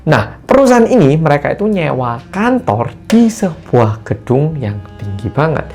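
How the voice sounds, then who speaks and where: A man, hosting his channel and telling a spooky story with dramatic pauses and rising stresses. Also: on the high side, big pitch swings, darkish tone, soft background music. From Korea. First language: Korean. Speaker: channel host.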